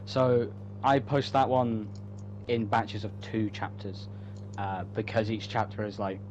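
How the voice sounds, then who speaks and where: With a fairly low voice, this man plugs an online story he wrote, rambling casually, cutting himself off, repeating things, joking and swearing offhandedly. The recording is muffled with an audible hum.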